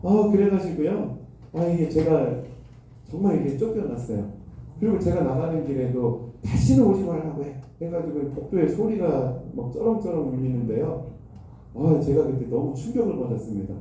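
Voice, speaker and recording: A man's voice: a little high, expressive, normal speed, dark tone, slight background noise. A man who is a pastor, telling a self-deprecating story in his sermon. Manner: self-deprecating anecdotal storytelling with acted quotes. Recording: echoey hall, mic far off.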